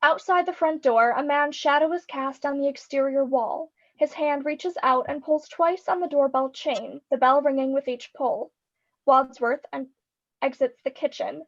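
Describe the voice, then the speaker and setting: A woman reading the stage directions aloud in a live script reading over a video call, in a steady descriptive manner. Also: high-pitched, moderate pace, highs cut off.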